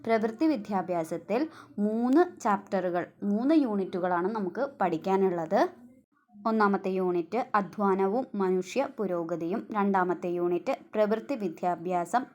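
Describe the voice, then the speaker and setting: A woman's voice: mid-range voice, moderate pace, darkish tone. Woman explaining exam notes. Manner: explains point by point, asks and answers her own questions. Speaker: teacher. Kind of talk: exam revision lesson.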